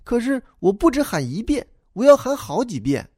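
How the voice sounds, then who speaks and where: A man's voice: very high voice, sing-song, normal speed, warm tone, slightly rough, no room sound, clean studio sound, voice pushed up, heavily acted. A man voicing a talkative young schoolboy in a storybook reading, eager and rambling. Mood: earnest.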